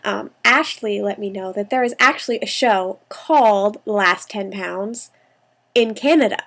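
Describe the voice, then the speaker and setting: A woman's voice: medium pitch, steady tone, unhurried, gravelly, a bit bright. A young American woman in her twenties talking casually to camera in a home video diary, rambling with lots of ums and little laughs. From United States. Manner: chatty, rambling, with frequent ums and small laughs. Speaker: vlogger.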